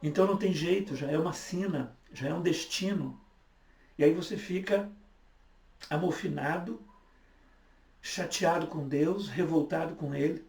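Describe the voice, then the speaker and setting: A man's voice: fairly high pitch, normal speed, creaky, long pauses, darkish tone. A man in his fifties preaching a sermon as a pastor, urging his listeners on in earnest and often repeating himself. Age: 50s. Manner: earnest, repetitive exhortation. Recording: echoey room, voice from far off.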